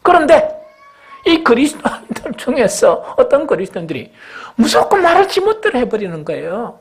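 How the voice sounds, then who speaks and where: A middle-aged man, preaching a sermon as senior pastor. He asks the congregation questions and answers them himself, pushing some phrases up loudly and letting others drop low. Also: sing-song, moderate pace, husky. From South Korea. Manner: swings between raised, emphatic phrases and low, dropped endings.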